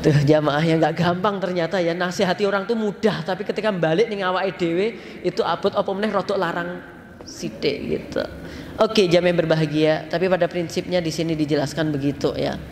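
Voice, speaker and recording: Chatty Javanese-accented preacher in a hall. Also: male voice, high voice, a little fast. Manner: lively, chatty, mixes in local slang, addresses congregation directly. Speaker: Islamic preacher. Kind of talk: casual storytelling sermon. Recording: long hall reverb, faint noise.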